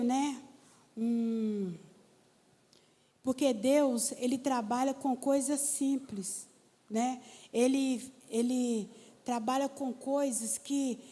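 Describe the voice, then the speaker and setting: A woman pastor preaching a sermon, telling stories and talking straight to the congregation in an animated way. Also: high-pitched. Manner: animated storytelling preacher, talks to the congregation directly. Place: church hall. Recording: church hall with long reverb.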